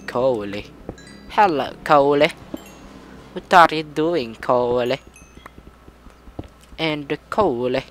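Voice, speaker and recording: Slow, chatty man narrating gameplay. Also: on the high side, slight background noise. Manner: rambling, chatty, prone to sudden excited outbursts. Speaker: gaming channel host. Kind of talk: casual gameplay commentary.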